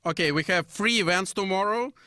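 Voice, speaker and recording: A man with a Russian accent co-hosting poker radio, speaking English with frequent ums and pauses. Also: sits high, pushed and bright, no room sound, studio quality. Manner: hesitant, many filler pauses. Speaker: radio co-host. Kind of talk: casual poker radio chat.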